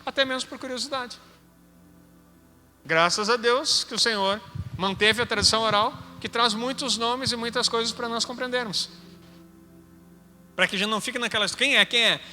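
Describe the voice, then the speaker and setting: A man's voice: high-pitched, bright, forceful tone. A man with a Gaúcho Brazilian accent teaching a sermon in a conversational way with joking asides. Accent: Gaúcho Brazilian Portuguese. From Rio Grande do Sul, Brazil. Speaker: apostle preaching. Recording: hall reverb with faint music.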